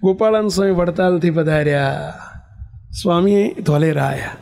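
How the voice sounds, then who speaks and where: A preacher with a high, creaky male voice tells a story during a sermon at an ordinary pace. He's an animated storyteller, acting out the characters as they shout and call.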